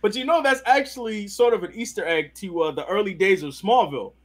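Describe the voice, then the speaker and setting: A man co-hosting a casual podcast, animated and joking, heavy on slang. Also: sits high, fairly quick. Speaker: podcast co-host. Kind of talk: casual chat.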